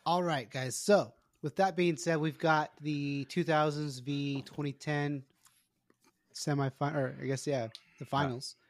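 A man's voice: on the high side, steady tone, unhurried, dry recording. A man co-hosting a casual podcast, announcing the matchups like a game show. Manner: announcer-like, runs the bracket. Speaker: podcast co-host.

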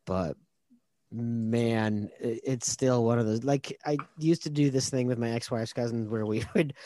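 A man's voice: mid-range voice, unhurried, dark tone, a little hiss or hum. A man co-hosting a casual podcast, laughing easily and poking fun at himself. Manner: giggly, self-deprecating. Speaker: podcast co-host.

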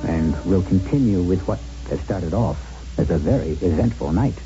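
A man hosting a radio mystery, narrating scripted suspense in a measured, portentous way. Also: sits low, lively intonation. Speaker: host of a radio mystery series. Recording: dull lo-fi radio broadcast. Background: loud music.

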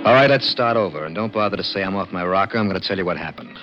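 A man's voice: low-pitched, racing, close to an everyday voice. An actor playing an intense, plain-spoken garage mechanic in his thirties, narrating a vintage radio drama in a slangy, urgent, confiding way. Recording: muffled old radio recording with music.

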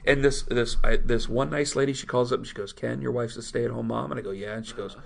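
A man, a sports radio host, telling stories in a loose, rambling way full of quick asides during a casual interview. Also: mid-range voice, steady tone, gravelly. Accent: Ohio.

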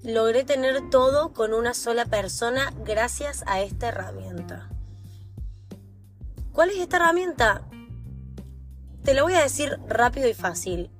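Young woman, Rioplatense accent, podcast host, unhurried, slightly high voice, chatty monologue. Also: animated, soft background music. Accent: Rioplatense Spanish. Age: 20s. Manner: chatty and confiding, speaking straight to the listener.

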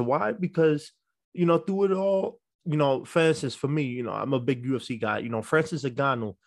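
Measured man with a mid-range voice. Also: mid-range voice. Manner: measured, hedging, many fillers. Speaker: podcast co-host. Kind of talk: podcast debate.

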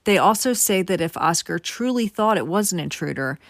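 Female true crime host, casual direct narration, low-pitched, dry booth sound. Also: expressive, brisk, no room sound. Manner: conversational, addresses viewers directly.

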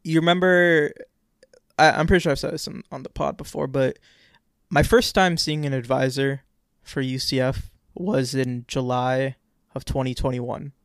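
Man in his twenties, podcast co-host, relaxed rambling chat, mid pitch, dry close sound. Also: normal speed, clear, resonant tone, no room sound. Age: 20s. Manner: casual, rambling, repeats words. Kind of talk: casual chat.

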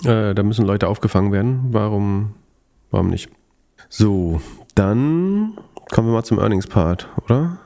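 A man's voice: lowish voice, animated, measured pace, mellow. A man hosting a podcast, chatting casually and analytically about finance, often thinking aloud hesitantly.

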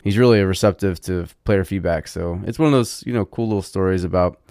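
A man's voice: low-pitched, a little fast, a little mellow, no room sound, studio quality. A man co-hosting a podcast, chatting casually with many fillers and restarts. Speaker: podcast co-host. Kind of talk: casual chat.

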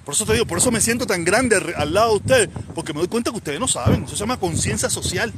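A middle-aged man with a Cuban Spanish accent hosts a casual live stream and talks back to viewer comments in a boastful, rambling way. His voice sits a little high. Outdoor noise and passing planes are loud behind him on a phone with headphones. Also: lively intonation, rapid-fire. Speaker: livestream host reading viewer comments.

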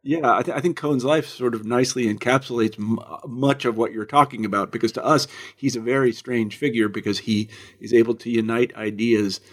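A man hosting an interview podcast in a relaxed, conversational way, with a few fillers. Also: medium pitch, fairly quick. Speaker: podcast host.

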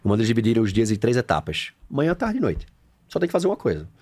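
A man with a Brazilian Portuguese accent, a coach chatting on a podcast, animated and slangy, acting out little scenes. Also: lowish voice, very fast, slightly rough. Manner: animated, acts out scenes with shouted quotes, slangy. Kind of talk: casual podcast conversation.

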